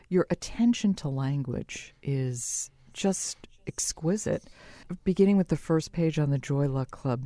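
An interviewer asking an author measured, admiring questions. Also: mid-range voice, warm tone, no echo. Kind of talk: interview conversation.

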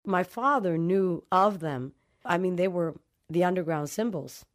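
Unhurried and lowish, the voice belongs to a Dominican woman novelist being interviewed. Her answers are reflective and story-driven, and she thoughtfully acts out dialogue she recalls.

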